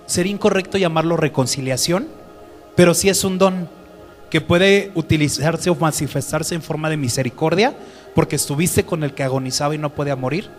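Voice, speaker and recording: Man leading a casual Bible study, slightly high-pitched, music playing under him. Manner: conversational, asks the group questions. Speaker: teacher. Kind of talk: Bible teaching.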